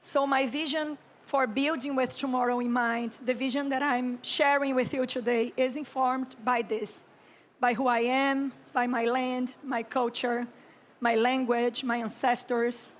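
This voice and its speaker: This is a woman from Brazil in her thirties, an architect and urban planner, giving a talk from a conference stage. Her English has a Brazilian Portuguese accent, her voice is high and her delivery flat. She goes slowly and reflectively, clearing her throat often.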